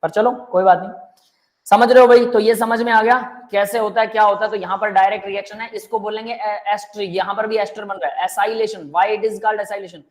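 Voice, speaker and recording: A man's voice: high voice, brisk. Easygoing guy teaching chemistry online, keeps asking if everyone gets it, calls the kids beta. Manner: explains step by step, keeps checking the class understands; relaxed and friendly, calls students "beta" and "bhai". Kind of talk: live online chemistry lecture.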